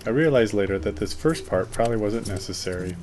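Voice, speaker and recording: A maker narrates a how-to video in a casual scripted voice-over, explaining each step plainly and matter-of-factly. He has a fairly low voice with lively intonation and speaks a little fast.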